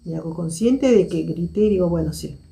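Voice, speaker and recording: A woman hosting a live stream, speaking to her viewers in a measured, reflective way and repeating her key points. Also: fairly low pitch, vocal fry, dark tone.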